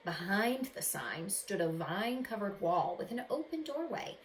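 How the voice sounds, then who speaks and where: A mid-range, sing-song female voice carries a children's picture book, read by a teacher to a group of kids. She gives it dramatic expression and stops to ask them questions along the way. Recorded in an echoey room with faint background noise.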